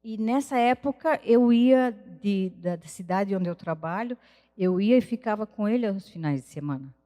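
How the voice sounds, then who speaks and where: A missionary woman gives an earnest, heartfelt sermon testimony with prayerful pauses at a church service. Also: medium pitch, lively intonation, mellow. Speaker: missionary preacher. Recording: reverberant church hall.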